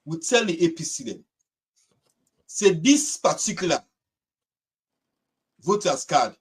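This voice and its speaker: A man with a Sierra Leonean accent and a husky voice hosts an informal political discussion, speaking emphatically and repeating his phrases. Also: fairly high pitch, very animated, takes it slowly. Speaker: host of a live political discussion. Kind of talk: informal political talk in Krio mixed with English.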